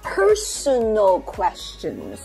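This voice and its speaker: In a small apartment, a woman in her late twenties chats casually for her vlog into a clip-on lapel mic, bubbly and giggly, singing and repeating phrases. Her mid-range voice swoops wildly in pitch, moves very slowly with vocal fry and a dark tone. Soft music plays behind her, and the audio is poor.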